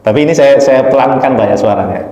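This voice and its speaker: A man's voice: mid-range voice, fast talker, dark tone. A man preaching a conversational study lecture, telling a story with animation and often addressing his listeners directly. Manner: emphatic, rising sharply on key points. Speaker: Islamic preacher. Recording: echoey hall with long reverb.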